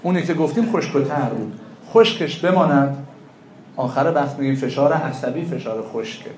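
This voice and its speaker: A man's voice: medium pitch, animated, darkish tone, reverberant, slight background noise. A man teaching a class on traditional medicine, lecturing animatedly and asking his students questions that he answers himself.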